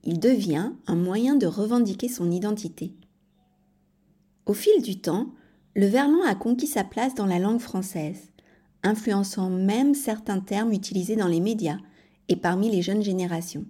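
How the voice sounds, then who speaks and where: Woman, language podcast teacher, mellow warm tone, measured scripted delivery, spells out words. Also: medium pitch. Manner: clear, measured explanation with spelled-out examples.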